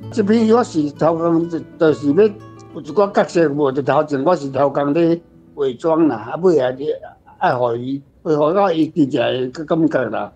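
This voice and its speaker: An older man with a Taiwanese accent, the author of a story, chats casually about it in a literary discussion, rambling through anecdotes and repeating phrases. His voice sits on the high side, a little mellow and slightly rough, at normal speed, with soft music in the background.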